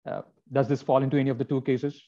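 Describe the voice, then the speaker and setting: A man's voice: medium pitch, fairly even intonation, fast, creaky, mellow. A man asking technical questions on a video call, hesitant and full of fillers, politely agreeing. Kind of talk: casual technical discussion. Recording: dull lo-fi call audio.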